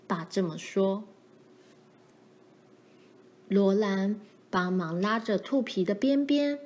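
A woman reading a children's story aloud in a gentle, measured way. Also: mid-range voice. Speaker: storybook reader.

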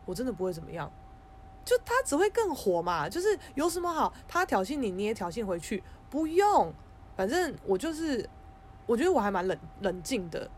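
Animated woman telling a story. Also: fairly high pitch, a little fast, slight background noise. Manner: animated, frequent restarts and stammers, mimics others in quotes. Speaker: podcast host. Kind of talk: casual storytelling monologue.

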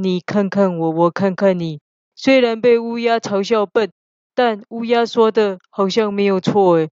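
A woman's voice: medium pitch, clear, resonant tone, dry recording, lo-fi sound. A woman hosting a family podcast, telling a playful made-up children's story and acting out the characters. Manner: playful, animated, acts out characters. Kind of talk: improvised bedtime-style story with a child.

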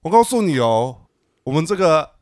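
A man with a Taiwanese Mandarin accent, chatting casually as a podcast co-host. His pitch jumps around as he teases and complains, climbing high when he jokes. The sound is dry and close, with no room around it. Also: big pitch swings, moderate pace, no room sound. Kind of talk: casual chat.

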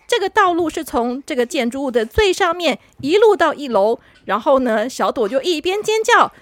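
A woman narrating a children's story in an animated, expressive way. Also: high-pitched, no echo.

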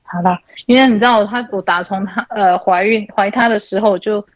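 A woman in her thirties hosting a casual online group chat from home, telling stories in an animated way and laughing often. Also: mid-range voice, a little fast, no room sound, poor audio. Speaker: host of online chat room.

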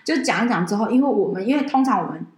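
A woman, co-hosting a podcast and telling a story in an animated, indignant way, swearing now and then. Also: medium pitch, racing, roomy sound. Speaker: podcast co-host. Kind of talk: casual chat, personal storytelling.

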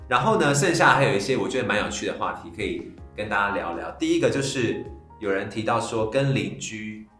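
A man's voice: lowish voice, expressive, brisk, a bit bright. A man from southern Taiwan hosting a casual chat in Taiwanese-accented Mandarin, a native speaker of Taiwanese Hokkien. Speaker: podcast host. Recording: roomy echo, faint music.

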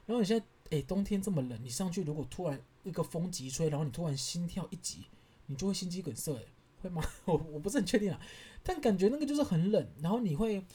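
A man in his thirties with a Taiwanese Mandarin accent, hosting a podcast and telling stories in an animated, exasperated way, laughing as he goes. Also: sits high, fast, breathy edge. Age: 30s. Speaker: podcast host. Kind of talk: casual storytelling monologue.

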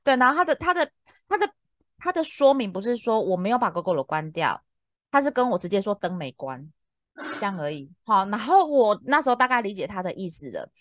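一位三十多岁、带台湾口音的女播客主持人，闲聊时讲故事，语气激动、无奈，常常笑。. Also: female voice, fairly quick, dry recording, studio quality. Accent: Taiwanese Mandarin. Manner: exasperated, lively, laughs often, big pitch jumps. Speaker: podcast co-host. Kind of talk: casual chat, animated storytelling.

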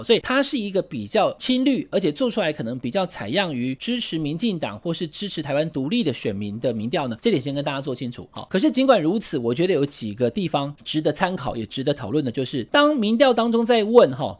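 A man from Taiwan with a Taiwanese Mandarin accent, hosting a political commentary monologue and explaining points with tag particles at the ends of his phrases. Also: on the high side.

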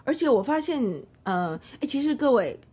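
A woman's voice: high-pitched, big pitch swings, normal speed, warm tone. A woman with a Taiwanese Mandarin accent hosting an interview as a public radio host, talking conversationally to guest and listeners.

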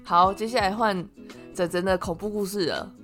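A woman co-hosting a podcast who chats casually and briskly rounds off the others' points. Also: medium pitch, fairly even intonation, a bit bright, faint music behind. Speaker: podcast co-host. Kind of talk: casual chat.

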